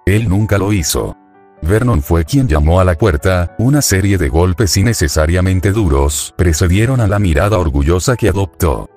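A man narrates a fan fiction story in a steady, even, scripted way. His voice is very low and deep, and faint music plays softly under the reading. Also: normal speed.

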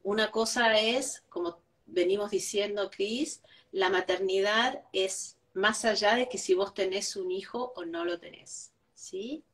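A woman's voice: medium pitch, a little slow, a bit bright, far from the mic. A woman, a guest giving reflective spiritual talk, who tags each point with a questioning "right?". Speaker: interview guest.

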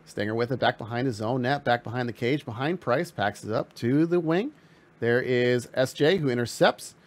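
A man giving casual, excitable play-by-play commentary on a hockey video game stream, laughing often. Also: medium pitch, moderate pace.

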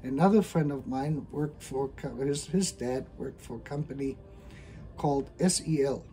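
A middle-aged man from Germany, talking casually and hesitantly about his engineering background, with frequent pauses and restarts. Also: medium pitch, mellow, soft background music. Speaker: hardware engineer, channel host. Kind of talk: casual talk to camera.

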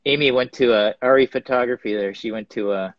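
A man's voice: mid-range voice, fairly quick, dry recording, highs cut off. A man talking casually from his pottery studio over a live video stream, rambling with lots of ums as he shows his work. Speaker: guest ceramic artist. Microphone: phone or webcam on a live video stream.

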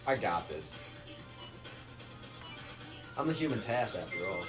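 A man hosting casual gaming chat, joking and excitable, trading banter with friends. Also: on the low side, a little slow. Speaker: host. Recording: music playing behind.

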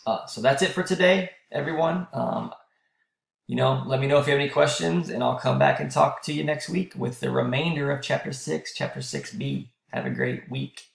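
A man giving a recorded college lecture, clearing his throat often and checking in with "okay?", as he is losing his voice. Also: mid-range voice, expressive, normal speed, roomy sound.

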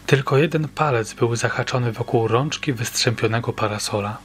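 A man narrating a short horror story as an audiobook reader, in a measured, suspenseful storytelling manner. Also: medium pitch, a little hiss or hum. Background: faint background music.

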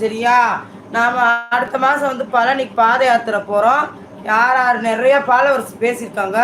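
A woman's voice: fairly high pitch, a bit bright. Older woman live streaming, singsong, in echoey room. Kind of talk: casual live stream chat with viewers. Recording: echoey room with faint background noise.

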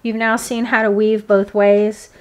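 A woman gives a hands-on tutorial at a slow pace. Her medium-pitched voice is informal and unhurried, and she leaves pauses between the steps as she instructs. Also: flat delivery. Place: indoors, seated at a work table.

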